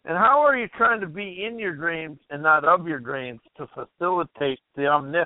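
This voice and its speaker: This motivational call-in host has a voice on the high side and keeps a moderate pace, wandering off topic and quizzing the listener while hoarseness creeps in. The sound is dry with no echo, coming through a thin, phone-like radio line.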